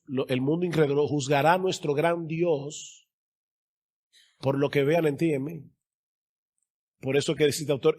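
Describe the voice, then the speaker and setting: A male pastor preaching a sermon, stressing key words by slowing down and growing louder. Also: fairly high pitch.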